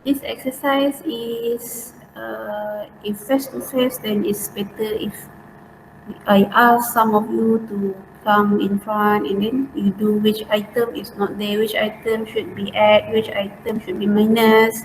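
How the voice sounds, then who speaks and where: Slow-paced Malaysian woman teaching in colloquial English. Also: medium pitch, level tone. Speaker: accounting teacher. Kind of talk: informal online lesson, talking through worked steps. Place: indoors, online class. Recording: roomy, distant mic, faint noise.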